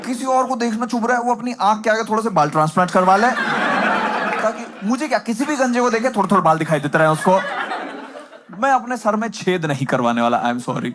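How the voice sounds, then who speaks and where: A young man performing a stand-up comedy set, self-mocking and conversational, acting out other people's lines. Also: high voice. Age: young adult. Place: comedy club stage with live audience. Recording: loud audience laughter and noisy room.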